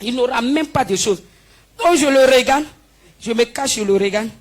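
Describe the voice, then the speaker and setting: A woman giving a spoken healing testimony in church, telling her story with lively, acted-out dialogue. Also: a little high, normal speed. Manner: animated storytelling, acting out dialogue with the pastor. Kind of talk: spoken testimony before a congregation.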